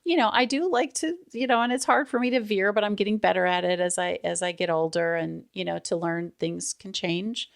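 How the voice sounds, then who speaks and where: A woman's voice: medium pitch, brisk, gravelly, hardly any pauses, dry recording, clean studio sound. Chatty middle-aged woman podcaster. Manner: chatty and rambling, laughs often. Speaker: podcast co-host. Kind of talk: casual chat.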